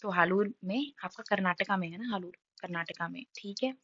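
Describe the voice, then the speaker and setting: A woman's voice: medium pitch, brisk, bright, forceful tone, no echo, muffled recording. A young woman teacher with a sore throat, running an exam-prep map lesson, quizzing her students and answering in their voice, checking in often. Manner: repeats key facts with frequent "ठीक है?".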